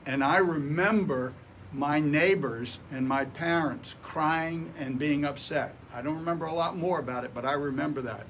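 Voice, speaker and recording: A man, telling personal stories to an audience in a relaxed, wry, conversational way. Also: a little high, moderate pace, a little hiss or hum. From Portsmouth, Virginia. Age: 80s. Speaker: guest speaker. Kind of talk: public talk with personal stories. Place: library meeting room.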